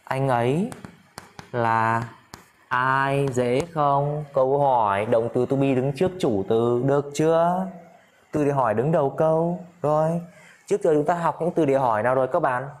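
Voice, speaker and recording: Slight hiss or hum runs under the medium-pitched voice of a Vietnamese-speaking man teaching English informally. He slowly repeats phrases and keeps turning toward his listeners.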